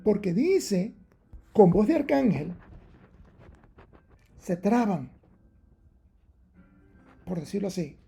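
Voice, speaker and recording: A man's voice: high-pitched, sing-song, takes it slowly, vocal fry, pauses often, warm tone, breathy edge, soft background music. A man preaching a Bible-teaching sermon, emphatic and argumentative, repeating his key points again and again. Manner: argumentative, challenges rival readings.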